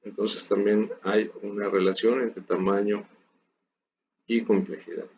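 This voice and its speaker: A man's voice: on the low side, level tone, measured pace. A man giving a recorded university lecture, explaining steadily and speaking directly to his students. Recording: dull lo-fi audio with faint noise.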